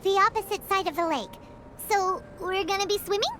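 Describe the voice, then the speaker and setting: Paimon, a very squeaky little fairy. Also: female voice, a little fast. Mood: anxious, doubtful. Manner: squeaky, childish, expressive, blurting. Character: small, childlike, excitable floating fairy companion girl. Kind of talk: scripted video game character dialogue. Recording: game audio with loud music behind. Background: music.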